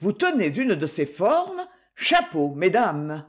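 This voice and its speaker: A woman's voice: medium pitch, big pitch swings. Reader putting on a bossy cheery lady cop, mid-aged, voice jumps up and down a lot. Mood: jovial. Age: middle-aged. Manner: brisk, commanding, joking. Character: tall blonde middle-aged woman police commander, brisk, jovial. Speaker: police commander.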